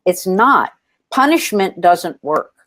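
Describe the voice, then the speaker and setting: A woman's voice: lowish voice, big pitch swings, slow pace, fairly bright tone, no echo. A woman who founded a nonprofit, talking in an interview, telling stories earnestly with frequent ums and restarts. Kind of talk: interview conversation.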